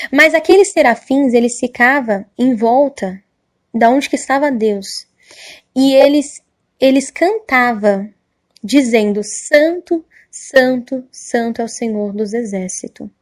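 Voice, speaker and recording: A Brazilian woman giving an emotional, earnest religious testimony, often asking her listeners "amém?". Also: high voice. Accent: Brazilian Portuguese. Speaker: church member giving testimony.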